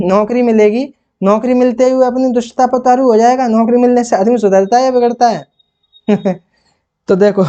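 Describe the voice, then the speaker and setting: A man teaching for a Hindi exam. He asks questions and answers them himself, and repeats and rereads phrases slowly. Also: extremely high pitch, dark tone. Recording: dull lo-fi sound.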